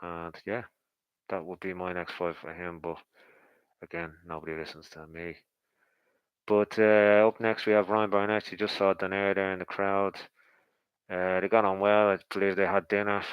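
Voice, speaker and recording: A man with a low, smooth voice talks through boxing in a casual commentary style. His delivery stays fairly flat and conversational as he thinks aloud and speculates in a rambling way. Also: moderate pace, dry recording, lo-fi sound.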